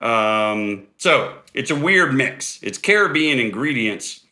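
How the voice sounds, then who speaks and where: A man hosting a cocktail podcast, explaining drink history in a relaxed, rambling way. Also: medium pitch, takes it slowly. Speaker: cocktail podcast host and bartender. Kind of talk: casual podcast chat.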